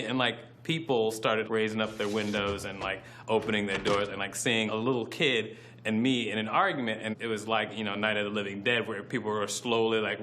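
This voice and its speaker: A man's voice: on the low side, bright, forceful tone, slight background noise. A man telling a comic personal story in a conversational way, full of "like" fillers. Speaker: storyteller comedian.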